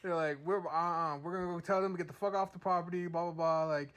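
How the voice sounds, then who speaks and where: A young man with a slightly high voice tells a story on a casual podcast. He swears freely and acts out what people said. The talk is loose and relaxed. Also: fast, smooth. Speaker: podcast co-host. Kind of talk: casual chat.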